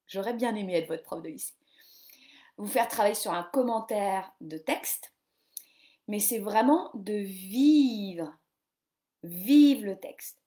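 A woman's voice: medium pitch, takes it slowly, long pauses, mellow. A woman in her forties hosting a live reading session, rambling and self-mocking, with many fillers and restarts. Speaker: podcast host doing a live reading session. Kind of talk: casual live-stream chat about reading.

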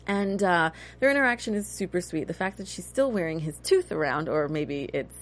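A woman in her thirties talks through a TV episode in a loose, chatty recap. Her voice sits a little low, and she moves between animated and slightly cynical. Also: moderate pace. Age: 30s. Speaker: host. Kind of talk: casual TV recap chat.

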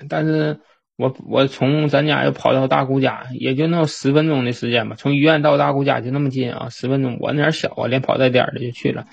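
A man with a Northeastern Mandarin accent, recalling a family memory in a halting, repetitive way with frequent restarts. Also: medium pitch, creaky, breathy edge. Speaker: storyteller. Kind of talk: personal reminiscence monologue. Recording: dull lo-fi recording.

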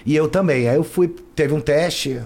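A man's voice: fairly high pitch, unhurried, gravelly, a little mellow. A man, a guest telling his life story in casual, slangy talk that leans on "né" and "cara". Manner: slangy, keeps adding "né" and "cara". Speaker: interview guest.

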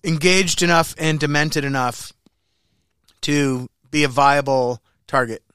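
A man co-hosting a casual chat, asking halting, skeptical questions. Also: on the high side, fairly even intonation, a bit bright, smooth, no room sound.

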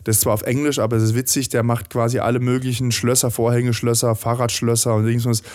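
A man's voice: medium pitch, little pitch movement, fast, a little mellow. A man co-hosting a casual podcast chat at his home desk, rambling, swearing and acting out the people he quotes. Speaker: podcast co-host. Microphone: desk microphone.

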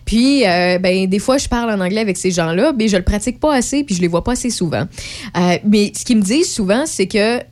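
A woman from Quebec with a Québécois accent, hosting a radio show in a chatty, rambling way, filling pauses with lots of hesitations. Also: medium pitch, animated, a little mellow. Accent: Québécois French. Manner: chatty and rambling, many fillers. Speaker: radio host. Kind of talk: casual radio chat.

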